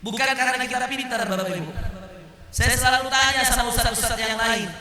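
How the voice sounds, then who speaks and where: A male preacher from South Sulawesi giving an animated sermon, asking the audience rhetorical questions. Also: very high-pitched, brisk, a crowd in the background. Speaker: Islamic preacher. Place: lecture hall of a prayer gathering. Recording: echoey reverberant hall.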